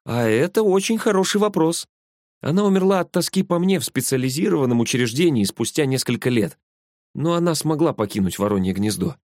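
A man reading an audiobook, voicing the ghost of a little dead girl who speaks quietly and calmly. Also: a little high, fairly quick, dry recording, studio quality, pitched above the performer's own voice, natural voice. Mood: gentle. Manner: quiet, half-whispered.

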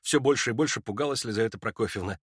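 A man narrating a classic novel in a quick, lowered voice between the characters' lines. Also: slightly rough, no echo, studio quality. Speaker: audiobook narrator. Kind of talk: literary narration.

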